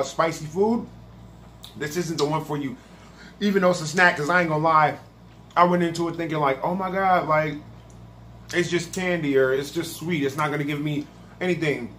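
A man's voice: fairly high pitch, a bit bright, slight background noise. A man casually reviewing a spicy snack on his own video channel, talking loosely and swearing a lot. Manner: profane, laid-back, chatty. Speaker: food reaction vlogger.

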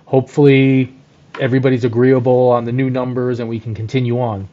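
A man's voice: mid-range voice, little pitch movement, a little fast. Rambling, enthusiastic male co-host, dull sound. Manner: rambling, enthusiastic, lots of fillers. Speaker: podcast co-host, journalist. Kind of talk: casual chat.

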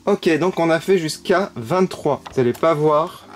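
A man's voice: on the high side, measured pace, background noise. A man giving casual unboxing commentary as a toy vlogger, gushing with frequent delighted exclamations. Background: background music.

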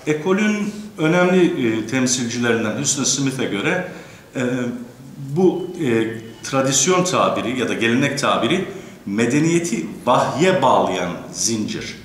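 A man of middle pitch lectures in an echoey room, with faint hum behind him. He talks hesitantly, with many drawn-out fillers. He keeps a polite tone toward the teachers listening. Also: very animated. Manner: courteous, addresses teachers in the audience. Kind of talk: academic lecture.

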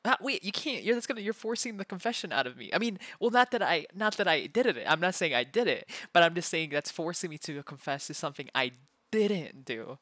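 A man's voice: high-pitched, sing-song, brisk, hardly any pauses, bright, forceful tone, dry recording, exaggerated voice. Casting: male actor as cheeky gremlin femboy prankster, ASMR role-play, flustered stammering protests, dry close sound. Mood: flustered denial. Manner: stammering, protesting, repeating words.

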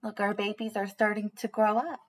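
This time the young preschool teacher's mid-range voice barely shifts in pitch and runs a little fast as she reads aloud to small children in a bubbly, sing-song style. She is captured by webcam in a small room with panelled walls.

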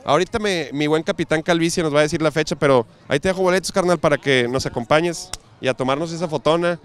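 This street interviewer is a man in his thirties whose fairly high voice carries a Mexican accent, and he talks fast. He works a busy seaside pier outdoors with a handheld mic, stopping passersby for a casual interview full of slangy jokes.

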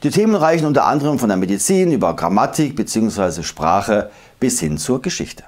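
A man narrating a scripted history lesson, explaining emphatically and slowing down to recite old verses. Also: mid-range voice, big pitch swings, a little mellow. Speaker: history video host.

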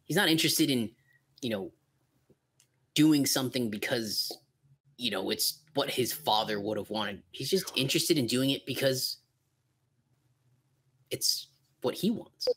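A man co-hosting a podcast, chatting enthusiastically about a film with halting restarts. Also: medium pitch, expressive, a bit bright, slight background noise. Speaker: podcast co-host. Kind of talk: casual film review chat.

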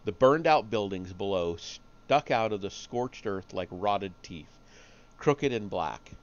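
A man reading a story aloud on a live stream, steady but with small slips and restarts. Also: fairly low pitch, measured pace, lo-fi sound.

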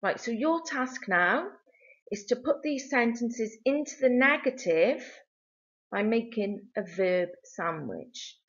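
A woman teaching a recorded language lesson to pupils, drilling phrases slowly and clearly for them to repeat. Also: on the high side, animated, dull audio. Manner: slow, clear drilling with repetition prompts. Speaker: French teacher. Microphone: video lesson mic.

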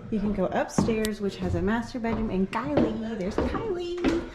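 A woman's voice: fairly high pitch, moderate pace. A woman vlogging casually, chatting along as she shows things around and describes them. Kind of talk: casual vlog narration. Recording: noisy handheld recording.

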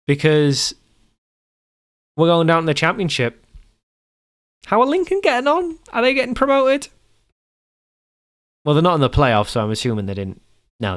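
A young man talks through a football management game in casual, exasperated commentary. He mutters to himself and circles back over the same point again and again. His voice sits at an ordinary middle pitch. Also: clean tone. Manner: exasperated, self-talking, repeats himself. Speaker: gaming YouTuber.

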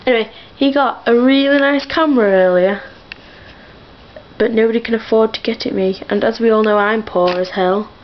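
A woman's voice: on the high side, moderate pace, muffled recording. A young woman chatting aimlessly to her camera in her bedroom, full of fillers, giggles and side remarks. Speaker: vlogger. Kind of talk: rambling casual vlog.

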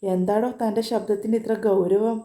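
A loving young man with a mischievous, gently teasing way of talking, voiced by a woman narrating a story. The tone is very dark and mellow, and the reading carries a roomy echo. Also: medium pitch, fairly even intonation, normal speed, natural voice.

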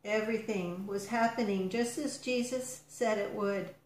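A woman reading a storybook aloud to children, gentle and expressive, with soft drops in volume. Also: mid-range voice, a little slow, reverberant, poor audio.

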